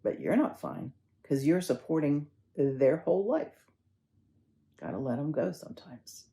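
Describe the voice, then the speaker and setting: Woman minister, low and mellow voice, easygoing storyteller's sermon delivery. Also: very animated, measured pace, gravelly. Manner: conversational storytelling, gently instructive.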